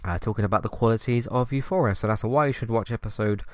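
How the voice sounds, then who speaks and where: Fast-talking yet calm, this man comments solo on his podcast about recent episodes and match ratings, his low voice smooth and resonant. His casual delivery is peppered with fillers and restarts, captured in a close, dry recording.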